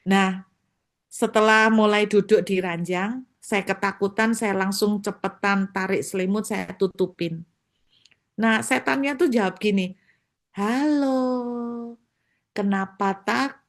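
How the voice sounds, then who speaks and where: A woman pastor preaches in an animated, storytelling way, speaking at a middle pitch. She often slips into acted-out voices as she tells her story. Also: measured pace. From Surabaya, Indonesia. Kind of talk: storytelling sermon.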